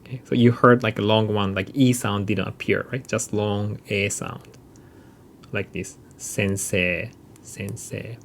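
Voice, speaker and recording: A Japanese man, a native speaker from Japan, gives a recorded mini-lecture as a Japanese language instructor, speaking slowly in a low, gravelly voice with little pitch movement. A bit of hiss or hum sits under the recording, and he explains patiently, repeating and drawing out example sounds.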